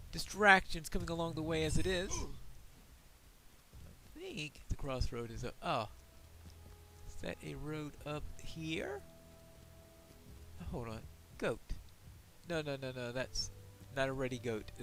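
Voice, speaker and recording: A man's voice: on the high side, expressive, slow pace, pauses often, a bit bright. A man giving casual solo game commentary, musing aloud to himself with wry asides. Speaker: gameplay host and player.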